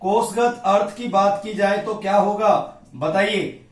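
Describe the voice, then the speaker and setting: A man's voice: high-pitched, slow. A male Hindi grammar teacher giving an exam-prep lecture at a board, drilling each point by asking a question and answering it himself. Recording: echoey room, voice from a distance.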